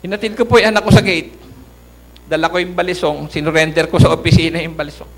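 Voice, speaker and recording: A man's voice: fairly high pitch, steady tone, fast talker, creaky, a bit bright. A middle-aged man from the Philippines giving an earnest church testimony, addressing the congregation as brothers and sisters.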